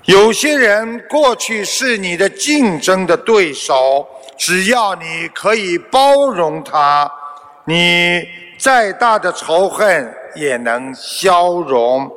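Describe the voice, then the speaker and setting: Male Buddhist teacher, measured sermon delivery, slightly high voice. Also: lively intonation, fairly bright tone, big-room sound. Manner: slow, measured, preaching. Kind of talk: sermon with a told parable.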